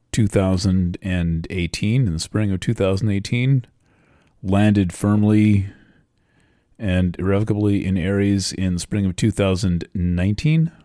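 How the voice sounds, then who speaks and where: A man speaking unscripted about astrology, rambling and unhurried, with many fillers and pauses, into a microphone. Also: deep voice, dark tone, no room sound, studio quality. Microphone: studio microphone.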